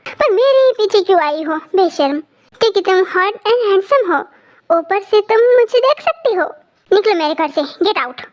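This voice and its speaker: A woman's voice: very high-pitched, animated, moderate pace. A woman voicing a grumpy, defensive young man who talks curtly and irritably. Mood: annoyed. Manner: curt and irritable. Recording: dull lo-fi audio.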